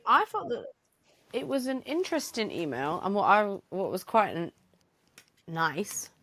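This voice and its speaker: A woman's voice: medium pitch, big pitch swings, unhurried, a bit bright, no room sound. A woman co-hosting a podcast in casual chat, hesitant with many restarts. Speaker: podcast co-host.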